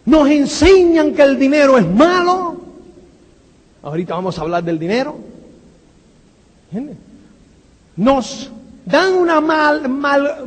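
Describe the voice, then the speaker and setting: A man giving a motivational talk, firing rhetorical questions and tagging lines with a quick "eh?". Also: very high voice. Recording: long hall reverb.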